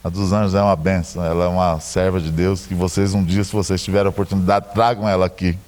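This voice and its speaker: A man's voice: sits low, little pitch movement, fast talker, a little mellow. A middle-aged man with a Brazilian Portuguese accent, preaching a sermon as a pastor and telling a story with joking asides.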